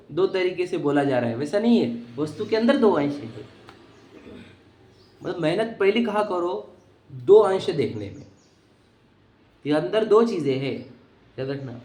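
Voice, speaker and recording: Male lecturer, a touch high-pitched, explaining doctrine and checking that the class follows, in a roomy hall. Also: a little mellow. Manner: keeps checking that listeners follow. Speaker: teacher of Jain philosophy. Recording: echoey room.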